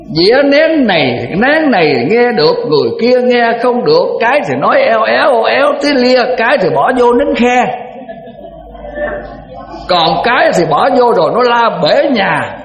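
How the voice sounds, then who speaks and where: Older monk, folksy and rambling, long hall reverb. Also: male voice, very high voice, sing-song, normal speed. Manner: folksy, rambling, with repeated words. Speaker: Buddhist monk. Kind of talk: dharma talk to an assembly. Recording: echoey hall recording.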